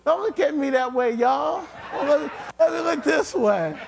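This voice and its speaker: A man preaching a sermon with emphatic repetition, at times rising to shouts. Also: extremely high pitch, lively intonation, a little slow, creaky, a little hiss or hum. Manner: emphatic, repeats words, rises to shouts.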